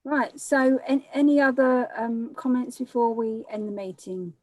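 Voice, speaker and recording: An English woman chairs a panel meeting in a brisk, informal way, pausing on fillers now and then. Her voice sits fairly high. The sound is dry and close. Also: a little mellow, no echo, low-quality recording.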